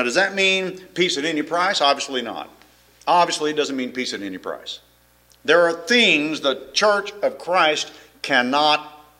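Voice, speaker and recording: A man's voice: medium pitch, bright, forceful tone. A middle-aged man, preaching a folksy, rambling sermon full of restarts and chuckles. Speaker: pastor.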